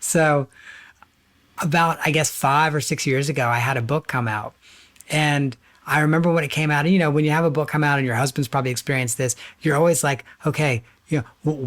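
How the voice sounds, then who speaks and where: A man hosting a podcast interview, upbeat and enthusiastic. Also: on the high side. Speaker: podcast host.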